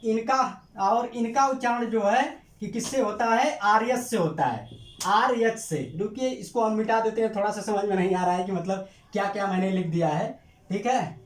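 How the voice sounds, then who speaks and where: A man's voice: high-pitched, reverberant. A man teaching a grammar lesson, asking questions and answering them himself, stretching out key terms as he repeats them. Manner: drawn-out emphatic repetition of terms.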